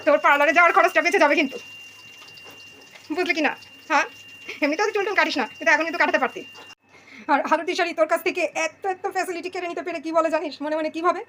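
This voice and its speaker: Very high, rapid-fire mocking woman. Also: fairly even intonation, sharp tone, a little hiss or hum. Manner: mocking, taunting, direct address. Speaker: vlogger venting about family. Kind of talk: sarcastic monologue with sung lines.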